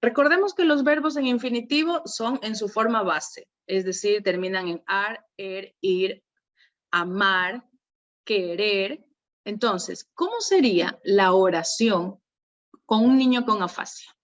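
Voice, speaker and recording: A woman with an Ecuadorian Spanish accent leading a virtual workshop, lively and often questioning her audience. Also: mid-range voice, slow pace. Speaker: workshop leader. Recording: dull lo-fi online call audio.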